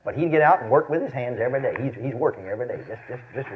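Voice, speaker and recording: Speaking rapid-fire at a medium pitch, a man in his fifties from Texas preaches with a Texan accent, telling stories folksily, driving points home through repetition, and checking on his audience. He's a preacher and Bible teacher, captured in a dull, lo-fi sermon recording.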